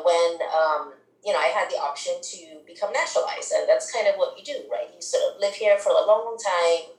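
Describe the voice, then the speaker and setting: A middle-aged woman from Trinidad, a philosophy professor, talks reflectively in an interview, with many pauses and restarts. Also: sits low, echoey room, poor audio. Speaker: guest author, philosophy professor. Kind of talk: academic interview conversation.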